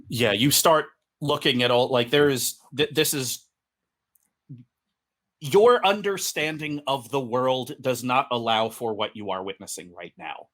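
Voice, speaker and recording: A man's voice: medium pitch, expressive, a little slow, fairly bright tone. A man narrating a tabletop role-playing game as game master, talking in a loose, rambling way with many fillers.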